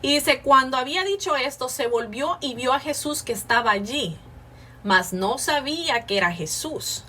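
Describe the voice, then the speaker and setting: A woman's voice: sits high, animated, moderate pace, bright, forceful tone, recorded from a distance, slight background noise. A woman giving an informal Bible class, reading passages aloud and explaining them earnestly, often checking in with her listeners. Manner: earnest, frequent filler sounds and restarts, rhetorical tag questions.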